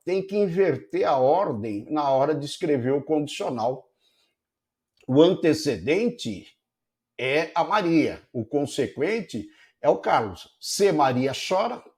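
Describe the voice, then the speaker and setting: Guy teaching online class, animated up and down voice, keeps asking "right?". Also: fairly high pitch. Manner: explanatory, many checking "né?" tags. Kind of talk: recorded online lecture.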